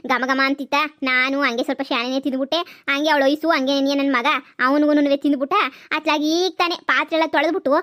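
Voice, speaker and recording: Cartoon granny: old, greedy, chatty, high and drawn-out, voiced by a woman. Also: fairly even intonation, a bit bright. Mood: rambling. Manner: rambling, drawn-out, food-obsessed chatter. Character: greedy gossipy old village grandmother. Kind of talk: cartoon comedy voice acting.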